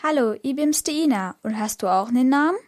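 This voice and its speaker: A woman's voice: high voice, lively intonation, fairly quick. A woman voicing a small, friendly, curious girl angel in a children's audio story.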